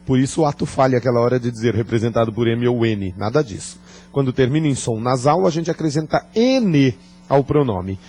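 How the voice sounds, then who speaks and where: A man teaching a grammar lesson, talking deliberately, joking and quizzing his class. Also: medium pitch, expressive, dark tone. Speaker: Portuguese teacher.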